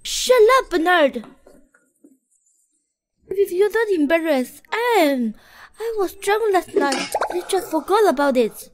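An actress playing a feisty young heroine in a dubbed drama, talking slowly in a drowsy, petulant way. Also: female voice, high-pitched, animated, warm tone, husky, full character voice. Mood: indignant.

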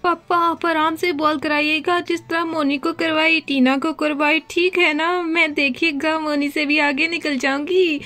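A woman's voice: high voice, flat delivery, measured pace, hardly any pauses, pushed and bright. A woman voicing an eager young village girl in a doll story, plaintive about losing a game.

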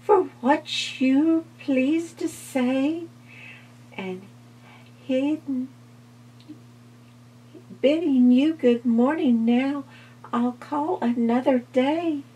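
Woman doing a squeaky little fly. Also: dark tone, rough recording. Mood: polite refusal. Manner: high, crying, drawn-out pleading. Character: tiny timid female fly, wary and pleading. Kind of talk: storybook read-aloud.

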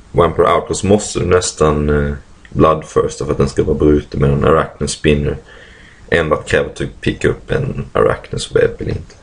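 A man with a very low, gravelly voice and a husky edge talks through a card draft. He thinks aloud in a casual way with plenty of fillers and keeps clearing his throat. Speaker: card game player commentating a draft.

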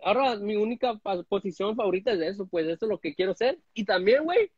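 A man tells crude stories from home, stumbling through restarts. His voice sits high and sounds husky. The phone audio is dull and dry. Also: animated, quick pace, a little mellow, no echo. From United States. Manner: crude, rambling, many restarts. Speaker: guest caller on a live stream. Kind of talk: casual chat. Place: indoor room at home. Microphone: phone front camera at arm's length.

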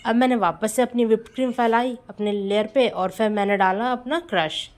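A woman's voice: fairly high pitch, steady tone, a little fast, a little mellow. A woman home baker giving a casual voice-over tutorial on cake decorating, chatty and friendly, often calling her viewers friends.

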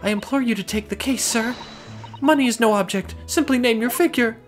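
A man's voice: extremely high pitch, brisk, faint music behind, pitched above the performer's own voice. A man voicing an anxious, genteel Victorian wife in a game, flustered and polite. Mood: pleading.

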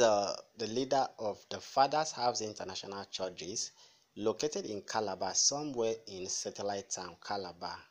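A man's voice: lowish voice, rough recording. A Nigerian man talking casually to viewers as a commentator, with many fillers and "okay?" tags. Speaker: news commentator.

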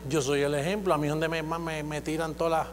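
A man preaching a sermon, exhorting his listeners and building to loud, repeated declarations. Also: fairly high pitch, flat delivery, a little fast. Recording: echoey hall with faint hum.

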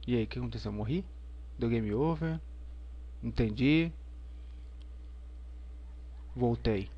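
A man's voice: mid-range voice, slow pace, muffled recording, a little hiss or hum. A man in his thirties with a Brazilian accent, commenting live as a scared horror game streamer on a headset mic. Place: indoor room at home.

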